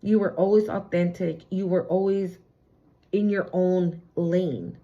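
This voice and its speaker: A woman's voice: lowish voice, steady tone, unhurried. A woman giving a casual tarot reading, chatty, blunt and sassy, with frequent swearing. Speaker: tarot reader. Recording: slightly muffled lo-fi recording.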